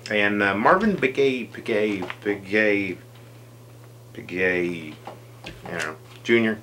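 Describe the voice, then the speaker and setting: A man's voice: fairly low pitch, very animated, unhurried, fairly bright tone, a little hiss or hum. A man vlogging answers to viewer questions in a casual chat, rambling with many fillers and dry jokes.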